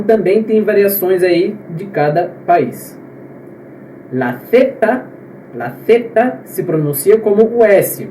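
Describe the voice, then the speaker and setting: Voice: medium pitch, mellow, roomy sound, distant mic, a little hiss or hum, poor audio. A teacher from Brazil explaining pronunciation step by step in a video lesson, checking in with the viewers often. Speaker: Spanish teacher.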